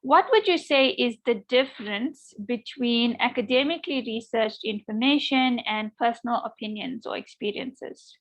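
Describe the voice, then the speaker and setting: A woman's voice: a little high, normal speed, hardly any pauses, rough recording. Encouraging woman lecturing online. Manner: encouraging, checks in with "okay?".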